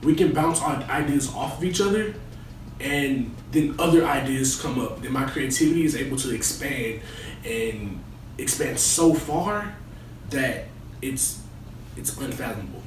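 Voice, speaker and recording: A man's voice: mid-range voice, lively intonation, a little slow, close to an everyday voice. Man acting as young resident assistant, echoey skit interview. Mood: earnest. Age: young adult. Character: young male resident assistant, cocky and boastful or earnest. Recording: echoey room, distant mic, noisy.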